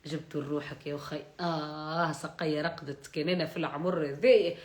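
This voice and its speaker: A woman's voice: sits low, steady tone, moderate pace, darkish tone. A woman with a Tunisian accent chatting on a live stream, joking and mocking, and laughing often. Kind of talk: casual live-stream chat. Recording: roomy echo.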